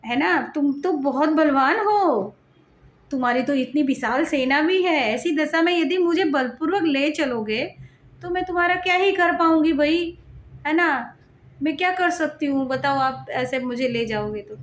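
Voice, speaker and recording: A woman reading as a calm, playful goddess. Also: high voice, normal speed, dull audio. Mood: gently teasing. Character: calm, playful mother goddess feigning meekness.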